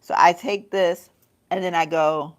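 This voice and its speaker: Speaking a little slowly in a fairly low, steady voice, a middle-aged beauty vlogger hosts a get-ready-with-me livestream at home. She walks through her makeup casually, addressing viewers as y'all and laughing frequently.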